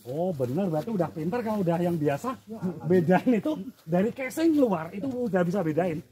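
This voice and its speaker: High-voiced Javanese-accented man hosting a vlog. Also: animated, a little fast, mellow. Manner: chatty, inquisitive, repeats answers back. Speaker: vlog host asking locals questions. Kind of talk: casual outdoor vlog chat. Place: outdoors on a rural coffee-growing hillside.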